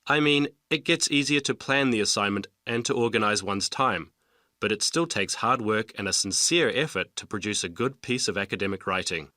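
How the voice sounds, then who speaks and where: A man's voice: on the low side, lively intonation, moderate pace, bright, forceful tone, dry recording, studio quality. A man playing a patient university professor who explains things in a stilted, scripted textbook dialogue. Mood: patient, helpful.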